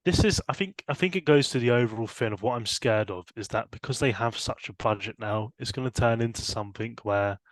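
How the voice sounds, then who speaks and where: A young man talks casually on a podcast at a middle pitch, his voice jumping up when he gets excited and breaking into laughs. The sound is dry and close to the mic, with no room echo. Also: brisk, few pauses. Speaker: podcast co-host. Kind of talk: casual chat.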